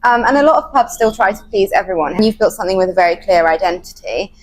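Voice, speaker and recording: A woman's voice: mid-range voice, lively intonation, fast talker, rough recording. A woman interviewer asking questions and giving short encouraging replies. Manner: brief encouraging backchannels.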